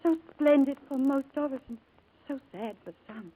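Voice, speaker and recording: An actress with a high voice plays a kind, chatty, protective young showgirl in a 1940s-style radio drama, acting lightly at a moderate pace. Her tone is tender and encouraging, bubbly, coaxing, and gently reassuring, heard through phone-quality sound on an old radio broadcast recording.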